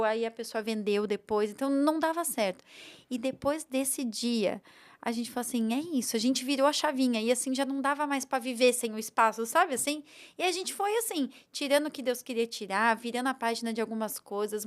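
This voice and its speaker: A woman with a Brazilian Portuguese accent and a notably high voice, speaking as a podcast guest. She tells her story with animated feeling and voices her own thoughts as she goes.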